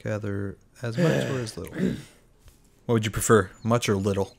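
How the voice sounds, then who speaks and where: A man's voice: on the low side, normal speed, creaky. A young man doing casual let's-play commentary, with joking, profane banter. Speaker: let's player. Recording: game music behind the talk.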